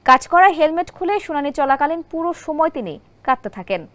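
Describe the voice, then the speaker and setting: Female Bangladeshi news narrator, formal and measured, high register, dry recording. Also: expressive, fairly bright tone, no room sound.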